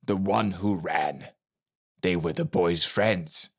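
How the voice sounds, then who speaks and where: Brief: male narrator playing a sinister old assassin master, deep gravelly voice, slow and icy. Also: very animated, full character voice. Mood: cold. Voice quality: low gravelly voice. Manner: slow, cold, commanding. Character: old male assassin clan leader, menacing. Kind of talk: audiobook character voice.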